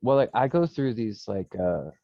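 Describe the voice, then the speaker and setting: A man co-hosting a podcast, telling stories in a casual, animated way with lots of fillers and swearing. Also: fairly low pitch, normal speed, vocal fry, dull audio, a little hiss or hum. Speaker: podcast co-host. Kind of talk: casual chat.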